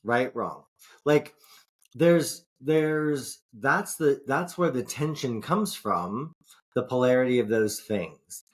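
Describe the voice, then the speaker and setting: Speaking slowly with a mid-range voice and lively intonation, a man co-hosts a podcast. His casual talk is rambling and profane, full of false starts.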